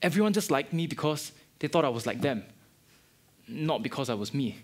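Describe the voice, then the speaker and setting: A man's voice: a little high, animated, brisk, husky. A young man acting in a student stage play as a hurt but forgiving friend who talks earnestly and thoughtfully. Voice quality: earnest, reflective.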